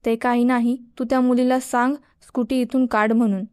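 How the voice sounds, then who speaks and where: A woman's voice: fairly high pitch, little pitch movement, brisk, a little mellow, clear, resonant tone, no echo, studio quality, natural voice. A woman voicing an irritable young male college student who snaps and grumbles. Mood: irritated. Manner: snapping and grumbling.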